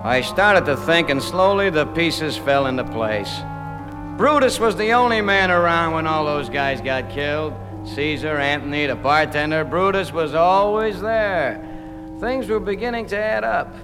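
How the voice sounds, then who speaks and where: A high-voiced, wisecracking gumshoe talks in the clipped cop manner of an old radio crime parody. He stays deadpan and tough. The sound rings in a hall, with music behind. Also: a little slow. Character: wisecracking hard-boiled male private eye in ancient Rome. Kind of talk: hard-boiled detective parody, old radio crime drama.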